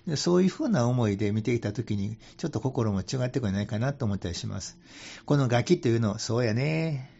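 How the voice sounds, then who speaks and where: A man's voice: mid-range voice, animated, fast, gravelly, dark tone, husky, lo-fi sound. A man with a Kansai accent, a Buddhist temple priest talking casually on a radio show and slipping into folksy dialect. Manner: folksy, chuckling, slips into Kansai dialect for emphasis. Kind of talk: relaxed radio talk on Buddhist teaching.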